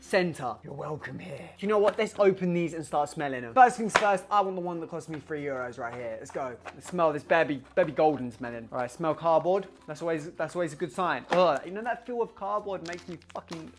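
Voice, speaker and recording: Young male vlogger; excitable, rambling, sweary home-video delivery. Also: a little high, a little fast, few pauses, noisy background. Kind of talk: casual vlog chat.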